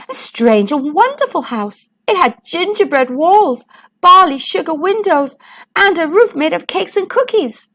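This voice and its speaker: A woman's voice: high-pitched, fairly bright tone. Sing-song woman reading a children's story. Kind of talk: reading a picture book aloud to children.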